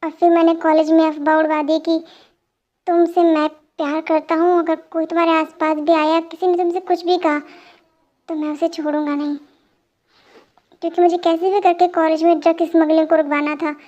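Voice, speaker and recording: A woman's voice: very high voice, flat delivery, normal speed, mellow, muffled recording, voice pushed down. Yoongi: a young woman voicing a stern young police officer. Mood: firm. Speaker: fan dubbing voice artist. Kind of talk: dramatic fan-dub voice acting.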